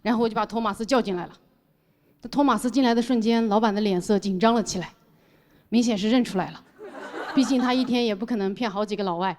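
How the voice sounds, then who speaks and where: A woman comedian telling an animated stand-up story and acting out the dialogue. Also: mid-range voice, fast.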